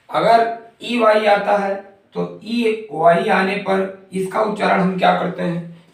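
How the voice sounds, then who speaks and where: A man with a high, gravelly voice gives a slow, careful pronunciation lesson and spells out each word letter by letter. He sits well back from the microphone in a strongly echoing room. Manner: methodical, spells out letters one by one. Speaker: English pronunciation teacher. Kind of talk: explanatory lesson. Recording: very echoey room, far from the mic.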